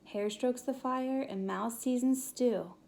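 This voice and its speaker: A woman preschool teacher reading a children's picture book aloud, expressive and sometimes whispering. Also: fairly high pitch, gravelly. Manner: expressive, drawn-out storytelling with whispered bits.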